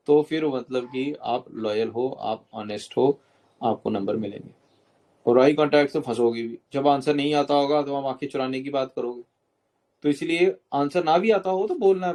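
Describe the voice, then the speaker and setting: A man coaches students through interview etiquette in a mid-pitched, everyday voice. He lays out each point step by step, slips English terms into Hindi and keeps checking that his listeners follow. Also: dark tone. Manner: instructs step by step, often checks in with "okay?".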